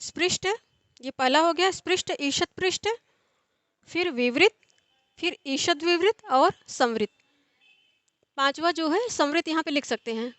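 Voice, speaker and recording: A woman's voice: high voice, a little slow, pauses often, a bit bright, dry recording. A young woman teaching Sanskrit grammar in an explanatory lecture, repeating and rephrasing points as she goes. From India. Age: young adult.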